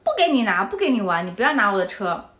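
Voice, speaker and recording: A woman voicing a rude, bossy little girl who snaps at a toddler in a shrill voice. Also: sing-song, fast, fairly bright tone. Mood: snappish. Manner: shrill and snappish.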